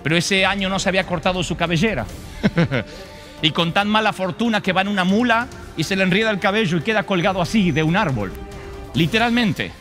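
A man's voice: sits high, fairly quick, faint music behind. Dramatic storytelling male preacher. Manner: dramatic, acts out voices, shifts loud and soft. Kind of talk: sermon storytelling.

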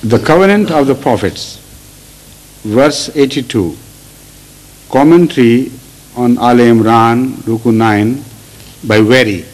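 Halting man giving a scripture lecture. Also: medium pitch, low-quality recording. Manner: deliberate, with frequent restarts and repeated words. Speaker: religious teacher. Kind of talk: Quranic commentary lecture.

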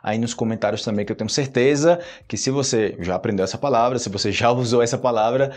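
A young Brazilian man with a Brazilian Portuguese accent, teaching pronunciation in a chatty way, laughing often and repeating words slowly. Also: mid-range voice, darkish tone. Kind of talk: casual video lesson.

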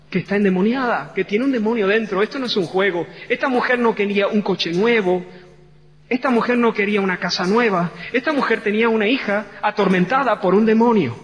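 A man pastor from Spain with a Spain Spanish accent, preaching a passionate, dramatic sermon in a church. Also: sits high. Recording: church hall reverb with faint hum.

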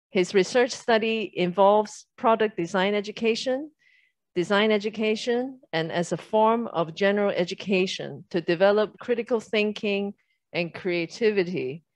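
A woman moderating an online lecture, introducing the speaker in a friendly, slightly halting way. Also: mid-range voice, no echo. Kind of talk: formal introduction.

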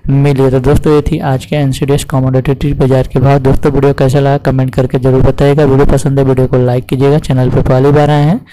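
A man's voice: medium pitch, flat delivery, quick pace, warm tone, a little hiss or hum, poor audio. A man hosting a channel, reading out market prices to farmers in a repetitive, formulaic way and calling listeners friends. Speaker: commodity price channel host.

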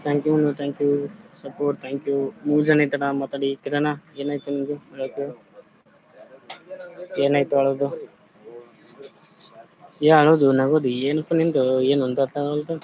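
A man's voice: fairly high pitch, monotone, a little slow, long pauses, muffled recording. Man chatting on a live stream. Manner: thanks viewers by name over and over, invites them to join. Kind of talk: casual live-stream chat.

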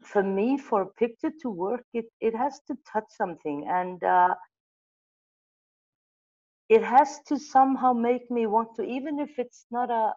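Her voice is a little high and her pace measured, but the audio is dull. She's a middle-aged Icelandic magazine editor on a video call with an earbud mic, animatedly telling stories against a photo-covered wall, gesturing and often restarting or self-correcting.

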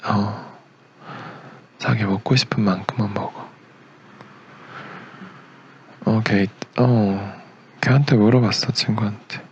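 A young man acting as a gentle, doting boyfriend in a romantic ASMR role-play, a tender leading man with a soothing, murmured, partly whispered delivery. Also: fairly low pitch, fairly even intonation, measured pace, dull audio, a little hiss or hum. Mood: caring, attentive. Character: doting, gentle young boyfriend caring for his sick girlfriend.

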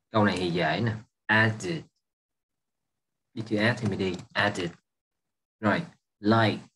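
A man's voice: on the low side, a bit bright, a little hiss or hum. A man, an English teacher going over an exam and patiently repeating words while checking that students follow. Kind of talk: exam review lesson.

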